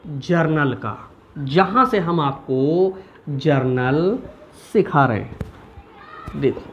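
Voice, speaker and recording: A male commerce teacher talks through a lesson in a lively, chatty way. He keeps asking his students questions and answering them himself. A faint hiss sits under his voice. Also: fairly high pitch, muffled recording. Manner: animated, asks and answers his own questions. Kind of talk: informal recorded lesson.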